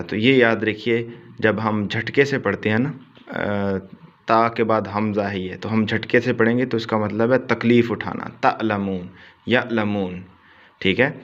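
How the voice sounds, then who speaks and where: A man teaching correct Quran pronunciation, patiently repeating words slowly to show how the meaning changes. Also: fairly low pitch, lo-fi sound. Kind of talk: explanatory Urdu lesson on Quran pronunciation.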